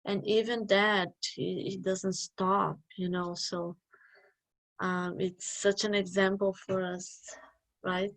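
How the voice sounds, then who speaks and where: A woman sharing thoughts casually in a spiritual study group, reflective and unhurried. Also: mid-range voice, level tone, low-quality recording.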